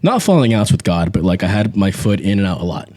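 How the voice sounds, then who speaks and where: Speaking fast in a low voice with no echo, a man in his twenties joins a relaxed chat as co-host of a faith podcast. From his small home podcast setup with a studio mic, he laughs freely and often restarts or uses fillers.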